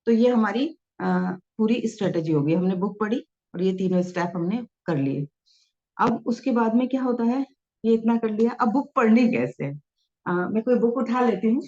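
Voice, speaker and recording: A woman's voice: medium pitch, lively intonation, moderate pace, mellow. A woman teaching in a patient, instructive way, repeating her points and reading passages aloud with expression. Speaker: self-help teacher. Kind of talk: explanatory talk to camera. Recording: dull lo-fi sound.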